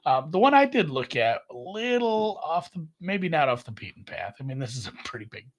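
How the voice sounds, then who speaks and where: A man co-hosting a sports betting podcast, talking in a rambling casual way and correcting himself often. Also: brisk. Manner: rambling, self-correcting, lively jumps in pitch. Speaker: podcast co-host.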